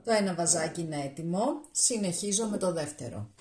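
A woman with a Greek accent casually explains each cooking step to viewers, using a lowish, slightly mellow voice with lively intonation. The echoey kitchen recording, made from a countertop camera, carries a faint hiss or hum.

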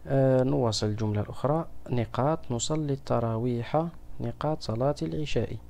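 Patient male teacher with a mellow voice. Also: mid-range voice, fairly quick, creaky. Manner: patient, questioning. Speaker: primary school teacher. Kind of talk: explaining a grammar exam to children.

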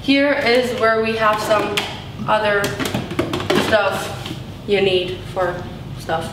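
A woman's voice: medium pitch, takes it slowly. A young woman giving a casual, rambling tour of her bedroom and bathroom, filmed on a handheld camera as she walks around. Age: young adult. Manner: bubbly, rambling, lots of "like" and "so cool". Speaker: vlogger giving a house tour. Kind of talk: casual chat. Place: large tiled bedroom and bathroom indoors. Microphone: handheld camera, speaker moving around. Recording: echoey room with background noise.

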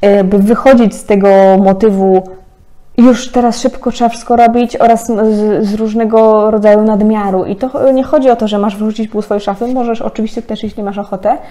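A woman in her thirties giving a casual, chatty card reading, often laughing and filling pauses. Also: medium pitch, steady tone, mellow. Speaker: tarot card reader.

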